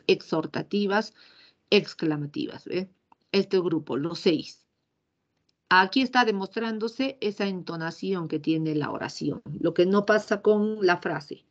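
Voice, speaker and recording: A woman's voice: on the low side, highs cut off. A woman teacher giving a grammar lesson, explaining patiently and often checking in with short tag questions.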